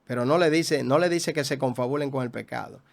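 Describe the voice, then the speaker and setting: Gravelly pastor, emphatic preaching. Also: male voice, mid-range voice, a little fast. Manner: emphatic, with rhetorical questions and repeated phrases. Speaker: guest pastor. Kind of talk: preaching-style teaching in an interview.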